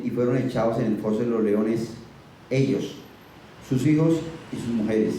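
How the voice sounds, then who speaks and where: Mellow preacher in an echoey hall. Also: male voice, mid-range voice, a little hiss or hum. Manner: earnest, repeats phrases for emphasis. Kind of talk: sermon with scripture reading. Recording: very echoey room from a distance.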